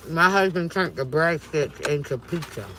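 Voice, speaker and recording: A woman, hosting a casual livestream from home, talking straight to her viewers in a lively, preachy way. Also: deep voice, measured pace, noisy background. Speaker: channel host on a livestream.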